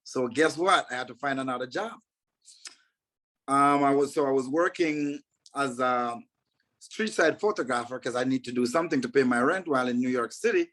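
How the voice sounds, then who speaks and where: Speaking as an interview guest, this Jamaican man tells his story with earnest, measured delivery and plenty of fillers. His pitch is medium and his tone fairly bright.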